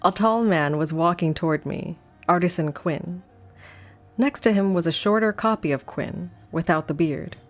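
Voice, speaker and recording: A woman's voice: on the low side, moderate pace, soft background music. A woman streamer reading a novel aloud in a casual live-stream reading, breaking off for chatty asides full of "like".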